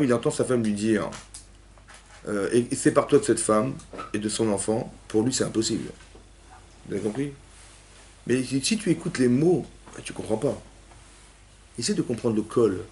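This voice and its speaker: A man teaching a lively class to young women, asking questions and acting out cries and quotes. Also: mid-range voice, a little hiss or hum. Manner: animated, asks questions, acts out cries and quotes. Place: synagogue hall with young women students.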